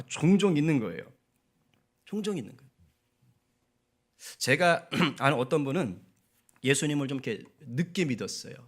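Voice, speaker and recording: Middle-aged male pastor, animated sermon delivery with rhetorical questions, voice on the higher side.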